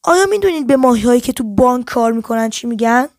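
A woman hosting a book podcast, reading a children's detective story aloud and speaking to listeners in a friendly, expressive way. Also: on the high side, no room sound, clean studio sound. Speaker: podcast host and book reader.

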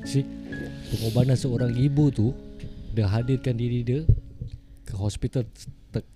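A man's voice: medium pitch, steady tone, normal speed, dark tone. Malay-accented man, slangy mixed English, over music. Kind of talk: casual conversation.

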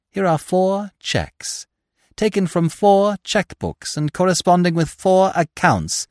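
A man's voice: on the high side, a little mellow, no echo, studio quality, voice pushed up. A man voicing a gloating vengeful widow. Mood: cold menace. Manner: gloating, syllables stressed.

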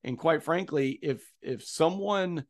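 A middle-aged man hosts a podcast and talks in a loose, chatty way, teasing and repeating himself. His voice sits a little high for a man. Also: unhurried. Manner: joking, chatty, repeats phrases. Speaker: podcast host. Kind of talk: casual interview chat.

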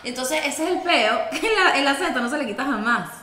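A woman, co-hosting a casual chat and asking lively questions. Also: sits high, fairly quick, echoey room. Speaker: co-host.

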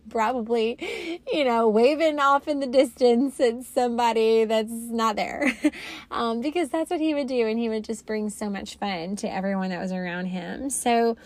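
A woman in her thirties hosting a faith podcast, talking in a halting, reflective way with many ums and restarts. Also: fairly high pitch. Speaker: podcast host. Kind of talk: personal faith podcast monologue.

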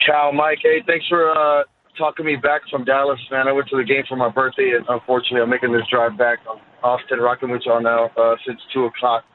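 Radio show caller over a tinny phone line. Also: male voice, medium pitch, flat delivery, fairly quick. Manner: dry, sardonic, wry sarcasm. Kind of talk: call-in to a sports radio show. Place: in a car, driving. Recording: tinny phone line with faint road noise.

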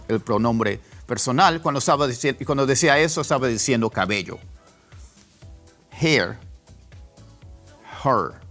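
A man whose first language is Spanish, teaching English pronunciation and repeating word pairs slowly to contrast them, with faint music underneath. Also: medium pitch, a bit bright. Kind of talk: casual pronunciation lesson.

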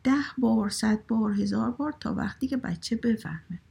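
A woman's voice: on the high side, gravelly, husky, full character voice. A woman voicing a grown man who tries to stay patient with a child but keeps getting exasperated. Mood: forced calm. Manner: exasperated, forcing calm. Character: patient man losing his temper with a child.

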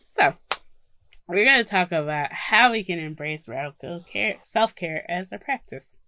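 A woman with a low voice talks informally as a podcast co-host. She moves between relaxed chat and reading out self-care advice, in a very dry sound with little room echo. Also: unhurried.

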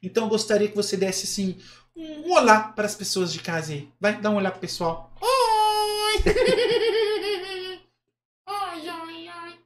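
A man, a clown and ventriloquist, chatting on a podcast and announcing his act like an excitable showman. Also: high voice, fast, echoey room, slight background noise. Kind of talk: podcast chat with a live comic bit.

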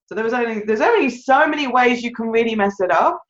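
A woman filmmaker, the guest on an interview show, telling her story in an animated, rambling way and laughing at herself. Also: fairly high pitch, quick pace, highs cut off.

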